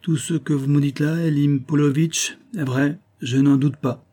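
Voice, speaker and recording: A storybook's stern ship captain, fatherly yet severe, as a male narrator puts him on. He speaks slowly and gravely in a dark, husky voice. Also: on the high side, fairly even intonation, voice pushed up, natural voice. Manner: measured, stern.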